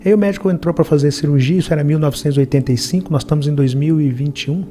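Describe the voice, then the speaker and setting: A middle-aged man from Minas Gerais speaks with a Minas Gerais accent, his voice slightly raised in pitch and mellow in tone. He tells a life story earnestly and reflectively, and faint music plays softly beneath him. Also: racing. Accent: Brazilian Portuguese, Minas Gerais. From Minas Gerais, Brazil. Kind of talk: personal storytelling in an interview.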